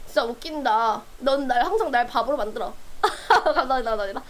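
A woman's voice: sits high, animated, fast talker. A woman streamer chatting casually with her viewers, playful and teasing, often breaking into laughter.

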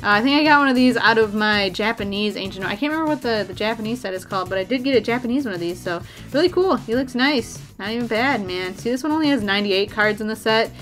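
A woman hosting a casual card unboxing, chatting to viewers in a bubbly, excitable way. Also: fairly high pitch, quick pace, hardly any pauses, faint music behind. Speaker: trading card unboxing host.

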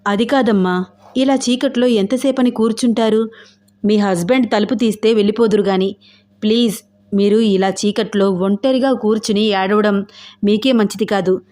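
An agitated young man who won't let things go, firing off questions, read by a woman narrator in a middle-pitched voice. he presses hard, protective and indignant, in a storybook audio drama. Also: fairly even intonation, normal speed, mellow, natural voice. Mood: gentle. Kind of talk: audio novel dialogue.

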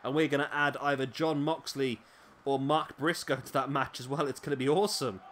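A man's voice: medium pitch, fairly even intonation, fairly quick, fairly bright tone, a little hiss or hum. A man with hiccups giving casual play-by-play commentary on a wrestling video game. He is chatty, often adds tag questions and corrects himself.

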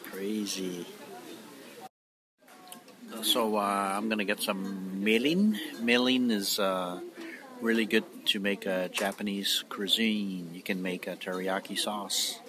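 A man's voice: fairly low pitch, fairly even intonation, takes it slowly, a crowd in the background. A middle-aged man vlogging on his phone while walking through a large supermarket, amazed and rambling with fillers. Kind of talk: casual walkthrough vlog. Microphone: phone held while walking. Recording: noisy phone recording in store. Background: store ambience.

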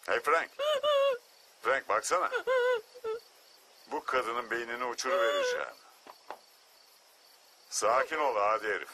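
A man's voice: mid-range voice, lively intonation, unhurried, pauses often, sharp tone, slight background noise. A man dubbing a menacing armed kidnapper in a thriller, threatening and coldly taunting. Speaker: villain in a dubbed thriller. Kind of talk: film dubbing.

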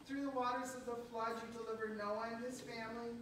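A woman's voice: on the high side, flat delivery, a bit bright. A woman pastor leading a baptism service in formal, solemn liturgical wording, with a cathedral echo around her voice. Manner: measured, solemn, ceremonial. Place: large reverberant church sanctuary. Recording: very echoey church, distant mic, background noise.

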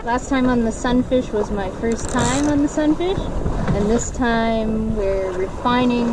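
A woman's voice: on the high side, unhurried, over loud music, low-quality recording. A cheerful woman chatting to an action camera while out on a small sailboat at sea. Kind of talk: casual chat to camera. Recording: wind noise outdoors at sea.

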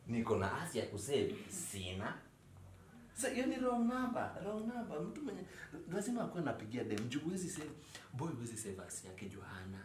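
A man's voice: fairly low pitch, animated, fast, natural voice. A young man with a Kenyan accent playing an evasive husband who protests repetitively in a comedy skit. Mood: flustered protest. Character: evasive young husband stubbornly denying everything. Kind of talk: comedy skit acting in everyday conversational speech. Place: small living room, indoors. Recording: echoey room, faint background noise.

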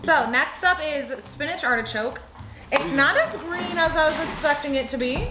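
A woman's voice: sits high, expressive, normal speed. A young woman chatting casually as she gives her taste reactions on camera in a room. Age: young adult. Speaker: co-host of a taste-test video. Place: indoors at a table in a room. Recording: echoey room, faint noise.

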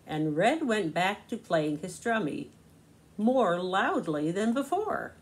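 In a small indoor living room, a woman in her sixties reads a picture book aloud to young children, deliberate and expressive, stopping for explanatory asides. Her voice is medium in pitch, captured in a noisy amateur home recording.

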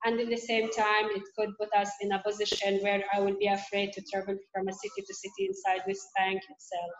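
A woman's voice: medium pitch, completely flat delivery, a little fast. Hesitant young woman. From Palestine. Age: young adult. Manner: hesitant, many fillers and restarts. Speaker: panelist, activist. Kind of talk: webinar talk. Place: small room indoors. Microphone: earphone mic on video call. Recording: echoey, muffled video call.

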